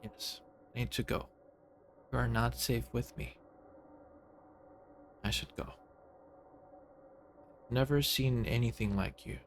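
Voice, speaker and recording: Man voicing a slow, solemn alien visitor, gravelly. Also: mid-range voice, steady tone, a little hiss or hum. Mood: gentle, wondering. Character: vast alien visitor, childlike, solemn, gently wondering. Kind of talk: video game dialogue read aloud.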